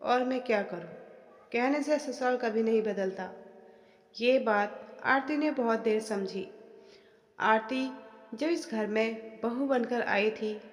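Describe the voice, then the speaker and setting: A woman narrating a family story in a slow, dramatic scripted style. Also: on the high side. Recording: echoey room with long reverb.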